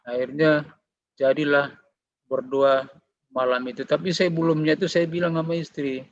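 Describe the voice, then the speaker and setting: A man's voice: a little high, flat delivery, moderate pace. A middle-aged man giving a personal faith testimony, telling his story conversationally and acting out the dialogue. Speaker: testimony giver. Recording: dull, slightly muffled recording.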